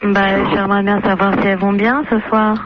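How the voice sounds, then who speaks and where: Un homme qui joue une jeune auditrice naïve et bavarde, qui interrompt l'animateur sans cesse. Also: male voice, sits high, little pitch movement, brisk, dull audio, heavy background noise, natural voice. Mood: ingénu. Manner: innocent, keeps interrupting. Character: naive chatty young female radio caller. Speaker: caller.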